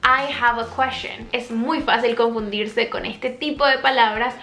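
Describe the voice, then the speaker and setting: A woman from Latin America gives an online language lesson in a high, bright-pitched voice. She speaks slowly and patiently, and the sound carries some room echo with soft music faintly behind her. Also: fairly even intonation. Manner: clear, patient explaining with slowed-down example words. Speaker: English teacher.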